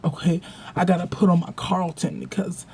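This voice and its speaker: A man's voice: high voice, completely flat delivery, moderate pace, mellow, slight background noise. A young man hosting his own vlog, talking casually to the camera and telling stories with emphasis. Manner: emphatic, storytelling with acted-out quotes. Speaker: vlog host.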